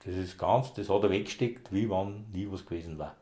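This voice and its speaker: Low-voiced man telling dog stories. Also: brisk, mellow. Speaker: former rescue dog handler, interviewee. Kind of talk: casual storytelling interview.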